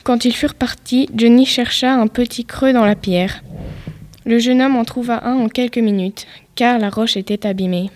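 Woman, story reader, steady even reading, slightly high pitch. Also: moderate pace.

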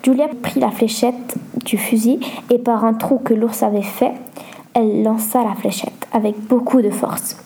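A woman reads a story aloud in a mellow, darker-toned voice. Her pitch sits slightly high. She reads plainly and sometimes trips over a word. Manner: plain, occasionally stumbling reading.

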